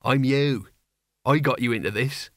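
Brief: casual, wry inner voice of a young man, read by a man, bright and dry. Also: medium pitch, unhurried, no echo, natural voice. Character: inner voice, wry young man's own thoughts.

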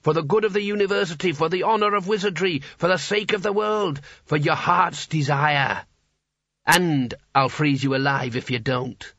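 In an audiobook, a man puts on an imperious ancient wizard's hat, which proclaims with grandiose, sarcastic and commanding authority in a voice pitched well above a normal man's. It speaks at normal speed with a fairly bright tone. The recording is dry, a little dull, and has no room sound.

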